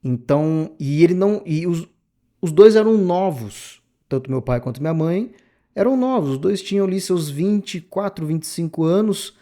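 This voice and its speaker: A fairly high, mellow voice with lively intonation comes from a Brazilian opinion channel host in his thirties, speaking at a moderate pace. He talks casually and reflectively to viewers, addressing them head-on while meandering and correcting himself.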